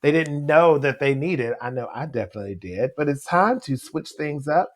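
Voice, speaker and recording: A podcast host leads into a new segment with an upbeat, playful delivery. The voice sits at a middle pitch. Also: lively intonation, moderate pace.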